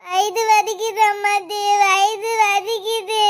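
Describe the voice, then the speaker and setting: A woman voicing a small sick boy in a cartoon, crying and whining slowly about a stomach ache. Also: very high voice, flat delivery. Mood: whimpering. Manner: whiny, drawn-out complaining.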